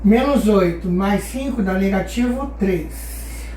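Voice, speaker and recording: A woman's voice: mid-range voice, lively intonation, slow, mellow, slight background noise. A woman teaching a math lesson, patiently asking her class questions and answering them herself. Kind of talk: explaining a geometry lesson. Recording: echoey room, voice far from mic.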